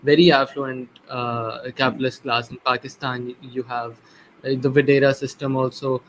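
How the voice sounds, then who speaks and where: A man's voice: medium pitch, level tone, poor audio. Man on glitching, cutting-out call audio. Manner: halting, many filler sounds. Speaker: interviewer. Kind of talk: online interview questions. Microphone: video call.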